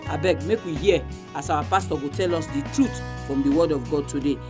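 Nigerian Pidgin woman presenter over clear music. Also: sits low, a little fast. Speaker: radio programme presenter. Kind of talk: religious programme introduction. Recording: music behind the voice. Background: instrumental music.

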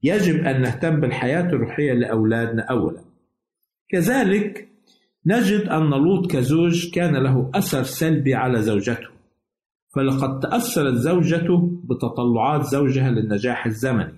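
A man's voice: medium pitch, expressive, fairly quick, darkish tone. A man hosting a religious radio program, giving a scripted Bible lesson in a formal, didactic manner. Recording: roomy, echoing voice recording.

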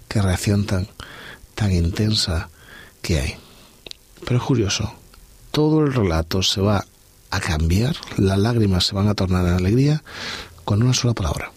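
A man's voice: on the low side, husky, no echo. A man leading a reflective Bible study talk on a podcast, musing aloud and posing rhetorical questions. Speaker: podcast host.

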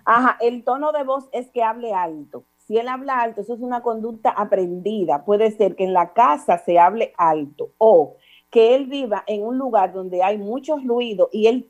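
Middle-aged Dominican woman, slightly high-pitched, patient and teacherly counselor delivering steady advice. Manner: calm, didactic, addresses listener formally with repeated examples. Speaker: parenting counselor guest. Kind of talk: advice talk on a radio or online show.

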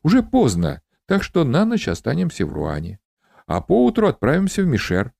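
In an audiobook, a man voices a cheerful, hospitable middle-aged widowed uncle with greying hair and a pleasant voice, sounding warm, welcoming and talkative. It's a full character voice pitched above his own, a little high with huge pitch swings, vocal fry and a moderate pace. The recording is dry and of studio quality.

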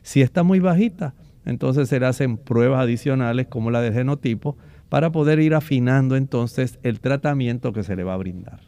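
A man on a radio health program, explaining a lung condition and its blood test in a measured, explanatory way. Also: medium pitch, warm tone. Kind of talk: explaining a medical topic.

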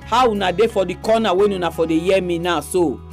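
A woman's voice: fairly low pitch, fast talker. Nigerian Pidgin-speaking woman hosting, music behind. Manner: speaks Nigerian Pidgin, addressing listeners directly. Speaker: radio program host.

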